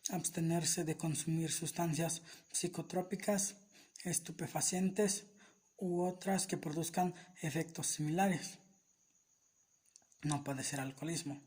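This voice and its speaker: A man reading aloud a summary of a law in a formal, steady, list-like way. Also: on the high side, measured pace, long pauses, slightly rough. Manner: steady, even, list-like delivery. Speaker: reader of a legal summary. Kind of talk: formal reading of legal text.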